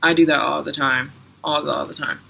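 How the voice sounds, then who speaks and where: Young woman in her twenties, bright crisp tone, chatty vlogger who laughs easily. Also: low-pitched, steady tone, brisk, slight background noise. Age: 20s. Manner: chatty, giggly, lots of "like" and "um". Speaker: travel vlogger. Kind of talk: casual Q&A vlog.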